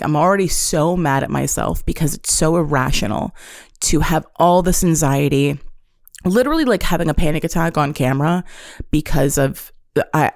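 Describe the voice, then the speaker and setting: This is a casual confessional chat from a woman in her twenties who hosts a podcast alone in her apartment and often jokes at her own expense. Her darkish voice sits low. An on-camera mic gives a dry recording of studio quality.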